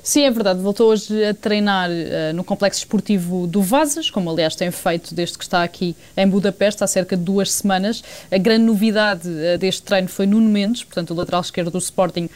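Clear-voiced Portuguese woman reporting live. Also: mid-range voice, brisk, a little mellow. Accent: European Portuguese. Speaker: sports correspondent. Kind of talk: live news report, unscripted.

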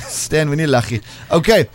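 A man with a broad South African accent, hosting a casual breakfast radio quiz in a playful, teasing way. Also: on the high side. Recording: music bed behind the voice. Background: music.

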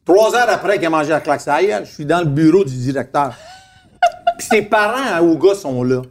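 A man's voice: a little high, wildly swooping pitch, moderate pace. A man, telling stories emphatically in a casual chat and asking rhetorical questions. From Montreal, Quebec. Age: 50s.

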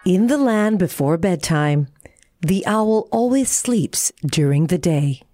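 A woman reading a bedtime sleep story for young children in an expressive storybook manner. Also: on the low side, takes it slowly, faint music behind. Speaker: story reader.

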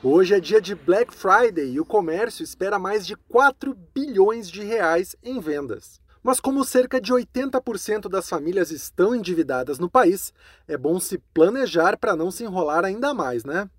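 A Brazilian man with a fairly high voice presents scripted news. His delivery is clear and conversational, and the sound is dry, with no room echo. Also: animated, normal speed. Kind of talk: scripted news roundup narration.

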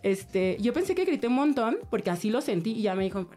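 A woman's voice: a little high, big pitch swings, brisk, mellow. A young woman co-hosting a casual talk podcast, telling a personal story with laughter and candor. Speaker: podcast co-host. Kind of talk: casual chat.

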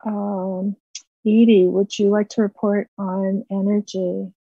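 Husky woman chairing a meeting. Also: mid-range voice, flat delivery, slow pace, no echo, muffled recording. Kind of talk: informal meeting moderation.

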